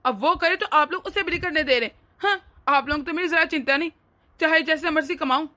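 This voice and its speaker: A woman voicing a young husband in an animated family drama, who coaxes his wife but speaks firmly and dismissively to his parents. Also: high voice, fast talker. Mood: complaining. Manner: firm, dismissive, coaxing.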